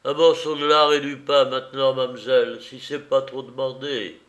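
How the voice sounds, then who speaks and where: A man voicing a loyal, rough peasant beadle who fights for the king, speaking loudly and earnestly in a rustic way. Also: mid-range voice, little pitch movement, moderate pace, lightly acted. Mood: weary pleading.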